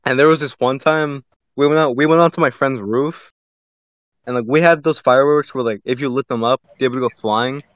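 A man's voice: medium pitch, fairly even intonation, brisk, dry recording. A man co-hosting a podcast who tells long, rambling stories in casual chat, peppering them with "like" and "bro.". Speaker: podcast co-host. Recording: dry, dull lo-fi sound.

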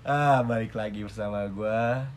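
A man's voice: lowish voice, measured pace, a little hiss or hum. A young man with a Jakarta Indonesian accent chatting casually as a podcast co-host, slangy and joking. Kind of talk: casual chat.

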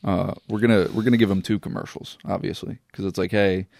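A man co-hosting a podcast in casual comedic chat, joking and laughing as he pitches absurd ideas. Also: fairly even intonation, fast talker, vocal fry, a little mellow, no echo. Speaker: podcast co-host.

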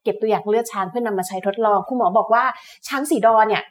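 Quick-talking woman lecturer explaining. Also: mid-range voice. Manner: animated storytelling with frequent laughs. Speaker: university lecturer and field researcher, podcast guest. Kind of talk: casual explanatory chat.

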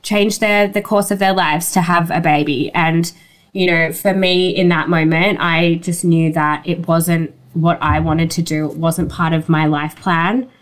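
A woman's voice: on the low side, fairly even intonation, unhurried. A woman telling a personal story as an interview guest, in a casual, conversational way peppered with "like" and "you know".

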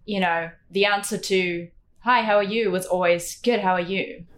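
A woman's voice: mid-range voice, fairly even intonation, normal speed. A woman with a New Zealand accent chatting as a podcast guest, giggly and full of fillers. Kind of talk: casual podcast chat.

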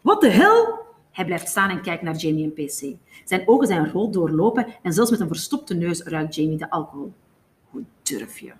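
A woman reads a novel aloud in a steady, even narrating voice. Her pitch sits on the low side for a woman, and she keeps an unhurried storyteller's line throughout. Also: slight background noise. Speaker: audiobook reader.

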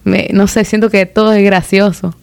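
A woman's voice: medium pitch, flat delivery, normal speed, creaky, darkish tone, clear, resonant tone, no echo. Giggly woman guest on a podcast. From Panama. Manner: giggly, playful, slips into English. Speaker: guest artist. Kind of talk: casual podcast chat. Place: recording studio.

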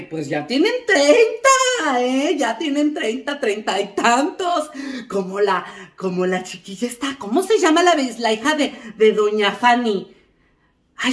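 A gossipy middle-aged mother, played by a woman rambles through a comic monologue, sprinkling little checks on her listener. Her voice sits a touch high. The recording carries a roomy echo. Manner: chatty, rambling, keeps asking "¿eh?" and "fíjate". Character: gossipy middle-aged Mexican mom lecturing family.

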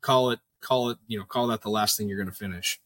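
A man's voice: on the low side, steady tone, quick pace, fairly bright tone. A man in casual shop talk, explaining technical machining steps one by one like an experienced machinist advising a colleague. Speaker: machinist advising a fellow knifemaker.

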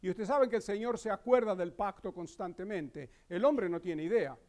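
High-voiced pastor preaching. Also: male voice, a little mellow. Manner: teaching, asks the congregation rhetorical questions; reads scripture aloud with slow emphasis. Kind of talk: sermon.

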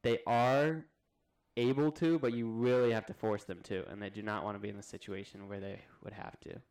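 A young man co-hosting a podcast, telling a funny family story in a relaxed, laughing way. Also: lowish voice, fairly quick. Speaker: podcast co-host. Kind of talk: casual chat.

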